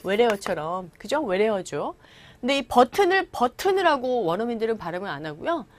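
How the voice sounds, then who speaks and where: Brief: woman English teacher from Korea, bright high voice with a lively melody, patient lecture delivery, slow and careful on the English samples. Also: dry recording. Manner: explanatory, reads English examples slowly and deliberately. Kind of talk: classroom lecture.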